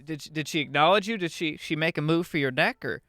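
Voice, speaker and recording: A young man co-hosts a comedy radio show in a playful, halting way, stumbling through fillers as he goes. His voice is smooth and on the higher side, recorded dry and close on a studio mic. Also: pushed and bright, no echo, soft background music.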